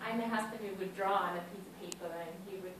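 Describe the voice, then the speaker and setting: This German panelist talks very fast in a steady, mid-range voice, recounting her own experience in simple English, step by step and with plain phrasing. She is in a large, echoey hall, recorded by a far-off mic with background noise.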